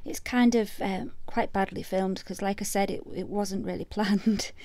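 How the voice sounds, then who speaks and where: Chatty lady crafter, warm mellow tone, dry close sound, bubbly then hushed murmurs. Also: mid-range voice, steady tone, normal speed, no room sound. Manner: bubbly and chatty, dropping to soft murmurs while demonstrating. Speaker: resin artist vlogger. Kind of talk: casual craft vlog.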